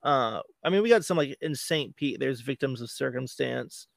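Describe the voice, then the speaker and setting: A man from Florida, a podcast guest and band member, talking in a relaxed, easygoing casual chat. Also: mid-range voice, moderate pace, creaky, no echo, clean studio sound.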